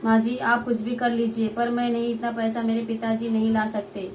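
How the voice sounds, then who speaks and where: A fairly high, soft-spoken young bride, voiced by a young woman pleads in a homemade puppet play. Her lines are humble and submissive. A faint hiss runs behind her. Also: monotone, moderate pace, lightly acted. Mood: pleading. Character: poor, meek young daughter-in-law.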